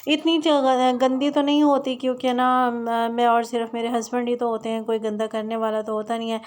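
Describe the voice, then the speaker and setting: A woman's voice: on the high side, level tone, normal speed, darkish tone. Chatty woman narrating her home vlog. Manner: chatty, rambling, many "na" fillers and restarts. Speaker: vlogger.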